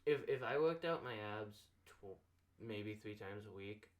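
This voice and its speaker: A man's voice: fairly low pitch, animated, measured pace, dull audio. A young man hosting a casual podcast chat, rambling and swearing freely. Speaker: podcast host.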